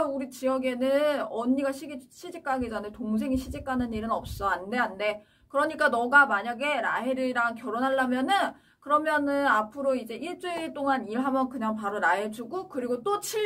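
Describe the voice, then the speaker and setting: A woman's voice: high voice, moderate pace, hardly any pauses, a bit bright, distant mic. A woman voicing a scheming older uncle in a Bible story told to children, with a breezy, coaxing manner.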